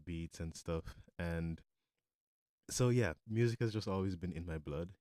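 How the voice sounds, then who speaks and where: A man from Jamaica, a musician, answering interview questions in a relaxed, thoughtful way with many fillers. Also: deep voice, unhurried, dry recording, studio quality. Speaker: musician guest.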